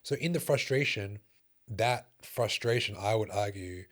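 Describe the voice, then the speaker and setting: A young man with a fairly low voice talks in a casual podcast chat. He tells personal stories with raw emotion and curses freely, like a fitness coach opening up. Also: a little slow. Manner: emotional storytelling with frequent swearing.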